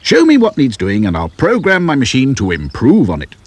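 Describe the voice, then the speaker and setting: A man voicing an eager, boastful old male inventor who talks in a bubbly, excitable way. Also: medium pitch, a little fast, voice pushed up.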